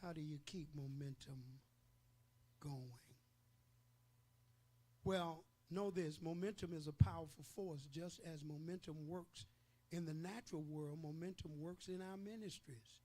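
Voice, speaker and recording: An older man preaching a sermon as pastor, emphatic, rising to loud peaks and pausing for effect. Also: fairly high pitch.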